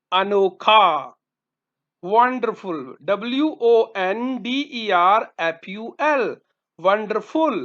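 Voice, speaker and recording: Woman teacher, slightly high voice, very slow and patient, spells words aloud; dull lo-fi recording. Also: fairly bright tone. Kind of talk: slow classroom explanation of English words.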